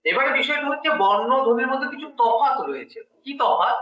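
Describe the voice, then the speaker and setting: A man's voice: extremely high pitch, lively intonation, quick pace, sharp tone. A man teaching Bengali grammar one-on-one, explaining step by step and quizzing his student. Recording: dull echoey room, mic at a distance.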